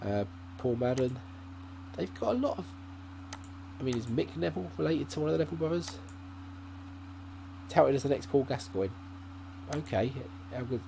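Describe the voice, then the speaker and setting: A man with a mid-range, gravelly, mellow voice is expressive and speaks at normal speed, pausing often. Hosting a gaming channel, he rambles through casual let's-play commentary, thinking aloud with many fillers and restarts. He uses a desk mic at his laptop, which hums faintly.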